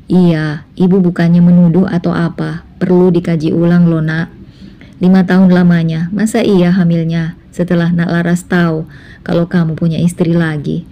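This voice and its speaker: A woman's voice: fairly low pitch, flat delivery, normal speed, muffled recording, natural voice. A woman voicing a scheming middle-aged mother who coaxes and insinuates in a spoken drama story. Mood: insinuating.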